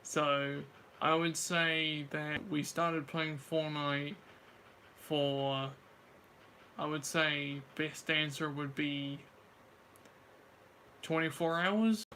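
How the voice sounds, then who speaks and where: A man's voice: a little high, little pitch movement, takes it slowly, long pauses, pushed and bright, a little hiss or hum. A man chatting casually with a friend about everyday things, in slangy, informal speech. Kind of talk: casual chat.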